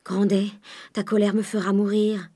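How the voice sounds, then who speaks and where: A woman's voice: mid-range voice, little pitch movement, moderate pace, warm tone, voice pushed up, lightly acted. Woman reading as frail meek old mother. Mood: faint. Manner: weak, pleading.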